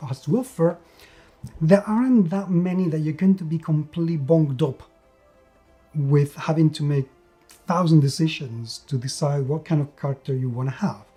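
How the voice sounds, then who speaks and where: Over background music, a man gives a conversational review of a tabletop game, speaking emphatically with repetition and dramatic pauses. His voice is a little high with a dark tone.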